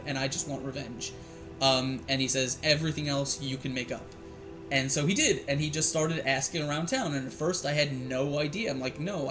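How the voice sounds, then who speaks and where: A man, a dungeon master, chatting casually on a live show, rambling with frequent restarts and fillers. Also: mid-range voice.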